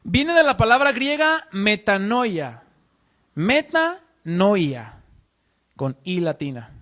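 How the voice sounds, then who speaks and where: A man's voice: sits high, sing-song, unhurried, bright, forceful tone. A man preaching a teaching sermon in an earnest, explanatory way, asking the congregation questions. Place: church.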